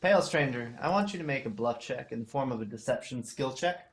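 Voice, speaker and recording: A man's voice: medium pitch, expressive, brisk. A man narrating a tabletop role-playing game as game master.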